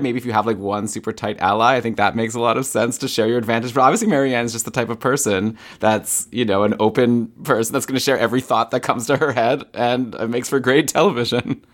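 Man laughing through his opinions. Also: mid-range voice. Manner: laughs often while giving opinions. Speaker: podcast co-host. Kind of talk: casual chat.

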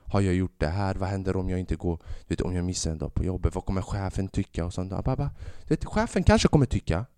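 Swearing, rambling sick man, low voice. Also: smooth, no echo, clean studio sound. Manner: swearing, rambling, animated rants. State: sick with fever. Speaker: podcast host. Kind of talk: casual monologue podcast.

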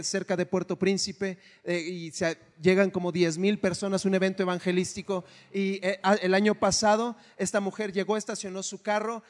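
A man preaching a sermon, swinging from hushed lines to shouts. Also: high voice. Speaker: pastor. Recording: long hall reverb.

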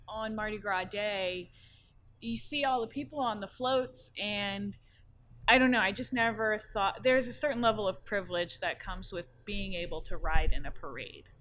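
A woman's voice: medium pitch, a little slow, a little hiss or hum. A woman, a parade group member chatting enthusiastically on a panel. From New Orleans. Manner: enthusiastic, bursts into excited exclamations. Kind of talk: casual panel chat.

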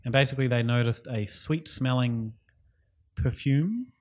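A man's voice: medium pitch, measured pace. A man co-hosting a podcast, chatting casually with matey, jokey lad banter. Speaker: podcast co-host. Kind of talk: casual chat.

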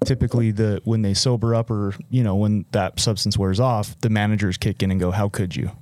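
Mellow-voiced thoughtful man host. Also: on the low side, fairly even intonation, brisk, dry recording. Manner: thoughtful, restates ideas with many fillers. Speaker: podcast co-host, counselor. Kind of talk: conversational podcast interview.

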